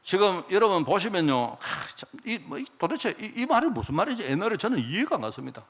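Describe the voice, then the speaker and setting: A middle-aged male pastor preaching a sermon in church. His voice sits a little high for a man and swings widely in pitch as he acts out God's words. He keeps putting rhetorical questions to the congregation. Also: sing-song, quick pace, a bit bright.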